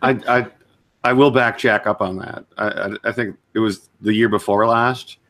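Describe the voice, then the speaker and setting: A man's voice: fairly low pitch, steady tone, moderate pace, a bit bright. A man chatting casually on a stream, dropping dry joking asides. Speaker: stream chat guest.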